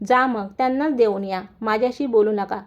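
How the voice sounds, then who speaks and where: A woman voicing a kind, hardworking young wife who speaks gently and calmly, in a dull lo-fi recording. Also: fairly high pitch, moderate pace, natural voice. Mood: gentle. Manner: gentle, calm.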